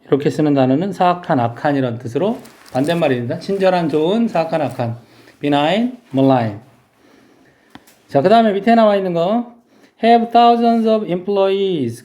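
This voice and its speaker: A man's voice: a little high, dark tone. A man teaching English vocabulary in a lecture, explaining step by step and asking his students questions.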